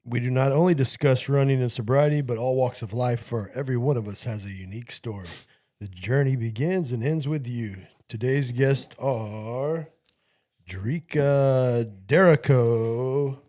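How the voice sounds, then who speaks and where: Halting man hosting a podcast. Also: medium pitch, dark tone. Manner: halting, many fillers and restarts. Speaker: podcast host. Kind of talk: casual podcast chat.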